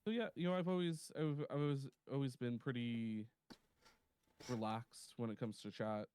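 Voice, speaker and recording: A man, a DJ guest, talking in a relaxed, hesitant way with many ums. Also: mid-range voice, normal speed, clean tone, dry recording. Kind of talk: casual chat.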